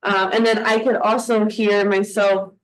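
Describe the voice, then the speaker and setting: A young adult woman, bilingual, speaks with a Mexican Spanish accent as a podcast co-host in casual conversation. Her medium-pitched voice is unhurried with little pitch movement, and the audio quality is poor. She is reflective, telling long winding stories with restarts.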